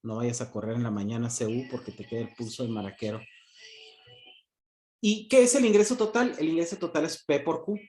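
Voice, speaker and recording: Joking teacher lecturing online. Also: male voice, mid-range voice, fairly quick, warm tone. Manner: joking, asks questions and answers them himself. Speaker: university economics teacher.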